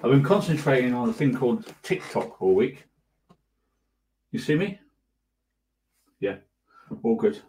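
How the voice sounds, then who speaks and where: A man's voice: medium pitch, very animated, a little slow, long pauses, mellow. A man talking casually to his followers on a livestream in a rambling, pleased-with-himself way.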